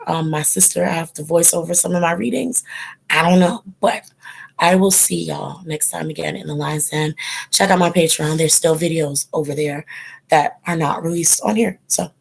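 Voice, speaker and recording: A woman's fairly low, slightly rough voice carries vocal fry as she hosts her tarot channel's casual livestream. She is losing her voice and rambles with lots of ums and likes while chatting with live viewers.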